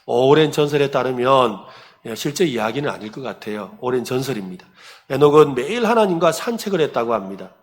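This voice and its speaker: A man's voice: medium pitch, a little fast. A man, a pastor, preaching a sermon and telling stories, often asking the congregation questions. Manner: animated storytelling, asks the congregation questions.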